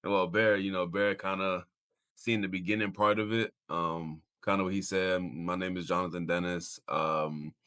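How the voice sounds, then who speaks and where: Being interviewed as a college football player, this twenty-something from Miami, Florida talks casually and earnestly, returning to the same points again for emphasis. His voice is deep and smooth with a sharp tone, held steady at a moderate pace.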